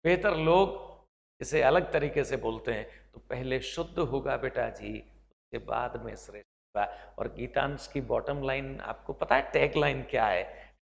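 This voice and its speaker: A man's voice: mid-range voice, unhurried, creaky, in a large hall. A man from Rajasthan with a Marwari accent, giving an emphatic English lesson and addressing his students fondly. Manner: emphatic, calls students "beta". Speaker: English teacher. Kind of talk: classroom lecture.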